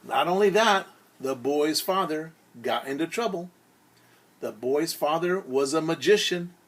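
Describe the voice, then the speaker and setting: A man plays a teacher telling a story to young children, theatrical in style, stopping to explain words simply and acting out the sounds. His pitch is fairly high and his delivery expressive.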